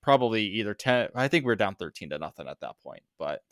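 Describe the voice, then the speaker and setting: Male podcast co-host, low resonant voice, dry close sound, sarcastic and rambling. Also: big pitch swings, quick pace, fairly bright tone, dry recording. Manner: sarcastic, rambling with many fillers. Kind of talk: casual sports podcast chat.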